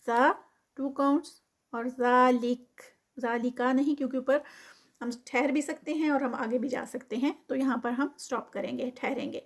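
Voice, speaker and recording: A woman with a high voice gives a Quran recitation lesson. She draws each verse phrase out slowly and carefully. Then she explains the rule in a brisk, matter-of-fact way. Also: steady tone. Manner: slow drawn-out recitation, then quick plain explanation.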